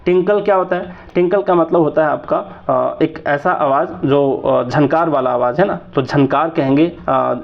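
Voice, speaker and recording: Man, thirties, Jharkhand accent, chatty vocabulary teacher, a little high, slightly muffled lo-fi recording. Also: moderate pace, creaky, hardly any pauses. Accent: Jharkhand Hindi. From Jharkhand, India. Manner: chatty, often asks "है ना?". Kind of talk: exam vocabulary lesson.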